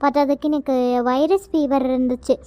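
A woman's voice: high voice, fairly even intonation, a little fast, mellow. A young woman, a cartoon creator, giving viewers a chatty, apologetic update. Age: young adult. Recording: dull lo-fi sound.

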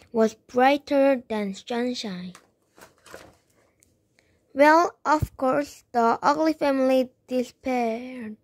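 Slow, gentle woman reading a children's story. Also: high-pitched, no echo. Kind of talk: children's read-aloud narration.

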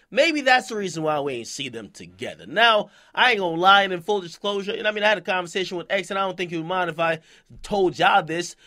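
On his hip-hop commentary show, a man with a high, sharp-toned voice delivers opinionated, slangy takes with emphasis, dropping in checking questions to drive his points home.

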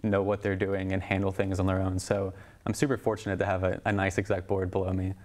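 A man's voice: deep voice, monotone, fast talker, darkish tone. A young man, a student leader, answering interview questions in an upbeat way with lots of ums. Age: young adult. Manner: upbeat, many ums, laughs easily. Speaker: student union board president, guest.

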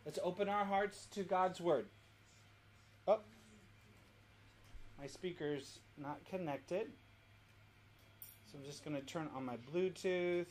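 The host of a family worship demo talks from home in a high-pitched voice, going slowly and pausing often. He explains things informally, one step at a time, and the recording is noisy.

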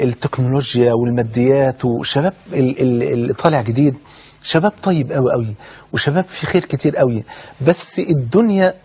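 A man's voice: medium pitch, darkish tone, slightly rough. A man from Egypt with an Egyptian Arabic accent, preaching a fervent sermon full of rhetorical questions and oaths.

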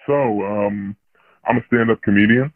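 A man's voice: lowish voice, fairly even intonation, moderate pace. A male caller whose voice is disguised by a morphing voice changer, talking casually and without apology as he confesses on a radio call-in. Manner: casual, unapologetic, pleased with himself. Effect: voice changer disguising his voice. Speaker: anonymous caller. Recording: phone-line call.

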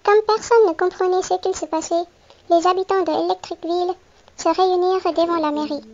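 Very high-voiced woman reading a children's book. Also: brisk, highs cut off. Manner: clear, expressive storytelling for a young child. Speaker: storybook reader.

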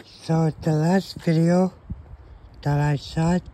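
A man's voice: a little high, steady tone, slow pace, mellow, poor audio. A man vlogging on a handheld phone outdoors and in a car, talking casually with many fillers and restarts. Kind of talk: casual vlog talk. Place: outdoors on a suburban sidewalk, then in a car. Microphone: phone held in hand.

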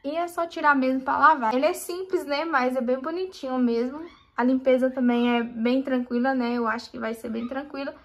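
A woman's voice: high voice, fairly even intonation, brisk, few pauses. A young woman from Brazil chatting casually in her home kitchen, recorded on a handheld phone, often tagging her sentences with little questions. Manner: chatty, constant tag questions. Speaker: vlogger.

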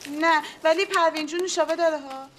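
A nosy chatty employee. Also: female voice, extremely high pitch, fairly bright tone, slight background noise.

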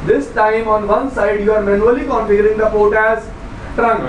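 A man's voice: high-pitched, fairly even intonation, normal speed, background noise. A man with a North Indian accent giving a classroom technical lecture, repeating questions and often checking that learners follow. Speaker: networking instructor. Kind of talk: classroom lecture with on-screen demonstration.

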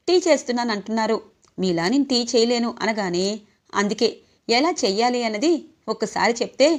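A woman retelling a TV serial episode as a story, reading out every character's lines in turn. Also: on the high side. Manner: animated storytelling, acts out each character's lines. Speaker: serial recap narrator. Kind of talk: retelling a TV serial episode, voicing all dialogue.

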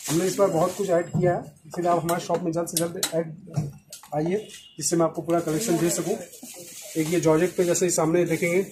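Speaking a little fast with a slightly high, fairly flat voice, this thirtysomething wholesaler pitches his clothing stock to the camera. His sales talk mixes in English words, recorded inside a small clothing shop. Clicks and noticeable shop noise run through the audio.

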